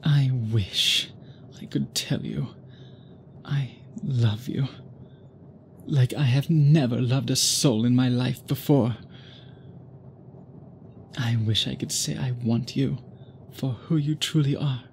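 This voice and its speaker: A man plays a guilt-ridden, obsessed immortal vampire suitor, yearning and possessive, in an ASMR drama of brooding intimacy. His creaky, medium-pitched voice keeps a steady tone while moving very slowly through formal, halting phrases, against noticeable background ambience with a little hiss or hum.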